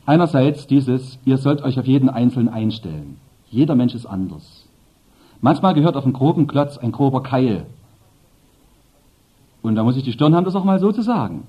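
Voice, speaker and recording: A man's voice: mid-range voice, very animated, moderate pace, breathy edge. A man preaching a sermon, speaking emphatically and addressing the congregation with asides. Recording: dull lo-fi sermon recording.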